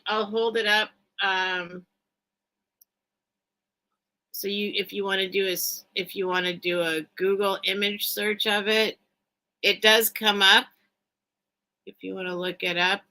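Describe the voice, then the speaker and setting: A woman hosting a casual live sale of vintage goods, talking slowly and thinking out loud. Her voice is bright and clear. Her chatter rambles in a friendly, unscripted way. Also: mid-range voice, fairly even intonation, rough recording. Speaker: online seller, host of live sales. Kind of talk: casual livestream sales chat.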